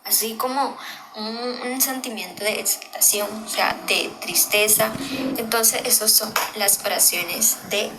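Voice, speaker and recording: A woman's voice: medium pitch, measured pace, noisy background. Woman giving a casual class presentation. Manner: casual, with fillers and restarts while explaining. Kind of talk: short explanatory presentation.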